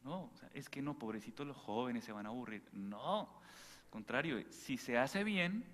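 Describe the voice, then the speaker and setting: A man preaching an informal sermon at a parish retreat, animated and full of rhetorical questions. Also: medium pitch, moderate pace, big-room sound. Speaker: priest giving a retreat talk.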